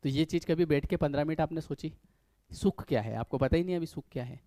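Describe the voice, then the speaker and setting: A man's voice: on the high side, quick pace, dark tone, no echo. A man giving a conversational motivational spiritual talk, earnest, full of rhetorical questions and little acted-out quotes.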